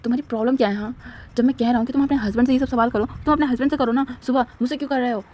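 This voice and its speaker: A woman's voice: medium pitch, fairly quick, mellow, lo-fi sound, close to an everyday voice. Give me a woman playing a cold, short-tempered young man, curt and threatening. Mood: furious. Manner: curt, clipped, menacing.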